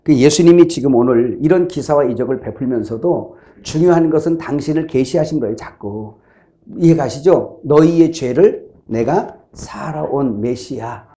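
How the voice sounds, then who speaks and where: A middle-aged man preaching a sermon as a pastor, telling stories with lively acted-out voices and laughter. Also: a little high. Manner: animated storytelling, acting out voices and laughing.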